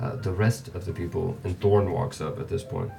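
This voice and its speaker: A man's voice: sits low, fairly even intonation, normal speed, gravelly, far from the mic, over music. A man running a tabletop game as game master, casually describing the world and voicing characters, laughing often.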